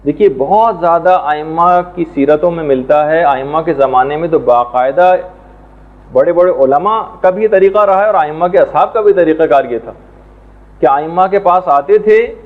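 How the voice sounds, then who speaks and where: A man teaching a religious lesson in a measured, explanatory way, now and then reciting Arabic prayers and verses. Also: fairly high pitch. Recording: tinny phone-like sound.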